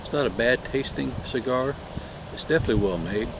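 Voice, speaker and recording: A man chatting casually and haltingly through a cigar review, rambling from one thought to the next. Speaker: cigar review vlog host. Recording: noisy low-quality mic, outdoor insects and traffic.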